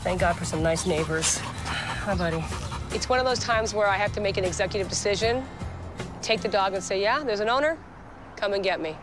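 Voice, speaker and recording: Outdoors in open fields and lots, a middle-aged woman who runs an animal rescue shelter speaks on a lapel mic for a reality TV show. Her mid-range voice is brisk, and she talks directly and plainly with casual fillers in this on-location interview. Music plays in the background.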